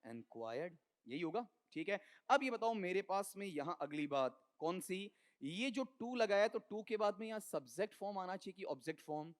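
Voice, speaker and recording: A man teaching English grammar for an exam, coaxing students with quick questions in Hindi and English. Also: high voice, lively intonation. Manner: mixes Hindi with English terms. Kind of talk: exam-prep lesson.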